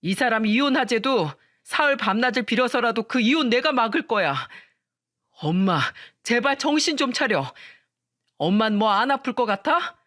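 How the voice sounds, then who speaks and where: A woman's voice: a little high, expressive, normal speed, a bit bright, no echo, clean studio sound, voice pushed up. A woman voicing a young husband who pleads with his wife and argues with his mother. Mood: angry. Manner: urgent, pleading.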